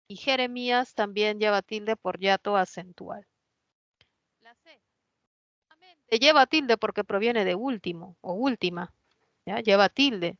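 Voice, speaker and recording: A woman's voice: on the high side, a bit bright, dry recording, highs cut off. A woman teaching a spelling lesson. She explains the rules step by step and keeps checking that the class follows. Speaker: language teacher. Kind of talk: pre-university spelling lesson.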